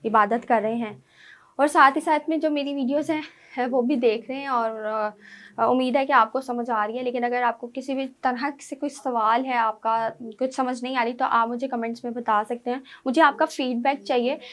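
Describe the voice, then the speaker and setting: A woman's voice: on the high side, a bit bright. A woman teacher, giving an online lecture to schoolchildren, explaining step by step and often checking with "right?".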